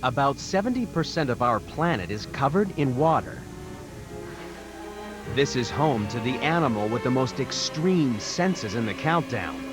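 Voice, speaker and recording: A man's voice: mid-range voice, lively intonation, unhurried. A man delivering scripted narration for a television wildlife documentary. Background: music.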